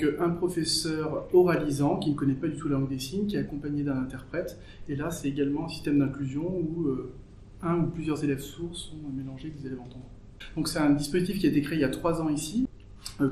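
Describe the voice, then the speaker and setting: A man with a slightly high voice explains how he teaches, step by step and with frequent fillers. The room is echoey with faint ambience behind him. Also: darkish tone, a little hiss or hum. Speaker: teacher at a bilingual school for deaf students. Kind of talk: explanatory interview answer.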